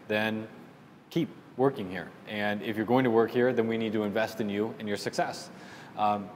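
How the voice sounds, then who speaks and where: Fielding listener questions on running a salon, a male Q&A host offers off-the-cuff business advice that is informal, opinionated and explanatory. Low rumbling noise sits under the reverberant, hall-like sound.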